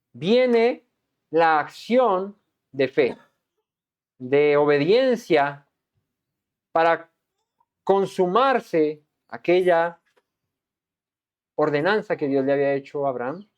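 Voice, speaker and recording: A man's voice: on the high side, animated, slow, long pauses, clean tone, lo-fi sound. A man preaching a verse-by-verse Bible sermon, dramatically acting out the voices of angels and God.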